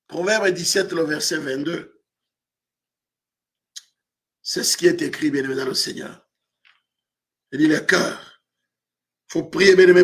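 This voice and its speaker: A man in his fifties, a pastor from Africa, preaching a sermon with frequent shouted emphasis. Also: sits high. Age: 50s.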